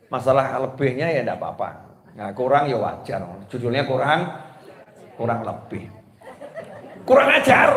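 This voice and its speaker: A man preaching a casual, humorous sermon, telling stories and jokes to a gathering. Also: medium pitch. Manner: joking, conversational, lively storytelling. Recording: echoey hall with long reverb.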